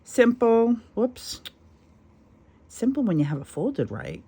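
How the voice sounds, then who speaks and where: A woman's voice: a little high, huge pitch swings, slow, mellow, husky. A middle-aged woman chatting casually as she walks through a sewing craft project, rambling and poking fun at herself. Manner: chatty, self-deprecating, rambling asides. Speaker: craft channel host. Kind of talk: casual crafting tutorial chat.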